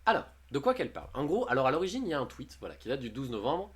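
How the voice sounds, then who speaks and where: A man's voice: mid-range voice, very animated, racing, breathy edge. A man chatting casually on a livestream, reading posts aloud and commenting on them with jokes and frequent laughs. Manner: chatty, jokey, often laughing. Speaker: streamer.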